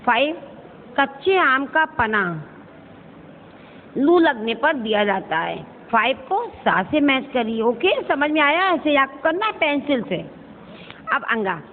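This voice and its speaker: A woman, a Hindi school teacher, works through a worksheet for her students, explaining each answer step by step and often asking whether they understand. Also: a little high. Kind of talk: recorded online lesson going through a worksheet. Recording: echoey, tinny phone-like recording with faint hiss.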